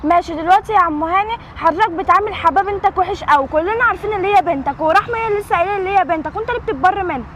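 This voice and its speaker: A woman's voice: extremely high pitch, racing, hardly any pauses, noisy background. A woman with an Egyptian Arabic accent playing a caring, outspoken friend who coaxes and questions earnestly.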